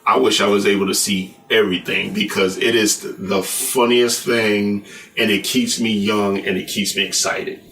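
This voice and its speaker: A man's voice: lowish voice, fairly even intonation, normal speed, fairly bright tone, recorded from a distance, poor audio. A man around fifty from New York, co-hosting a podcast with his wife and telling family stories in a laid-back way, laughing as he goes. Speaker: co-host, husband. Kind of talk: casual storytelling chat.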